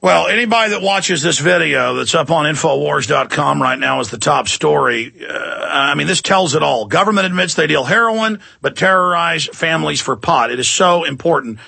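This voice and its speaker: A male talk radio host in full paranoid rant. His raised voice is forceful and raspy, with a gravelly edge, and he hammers his points with alarm in a dry, close studio sound. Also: a little high, normal speed, hardly any pauses, dry recording. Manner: paranoid, alarmist, emphatic ranting.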